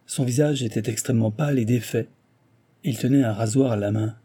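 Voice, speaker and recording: Male audiobook narrator, very dark mellow voice, husky, measured. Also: mid-range voice. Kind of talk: scripted narration of a classic novel.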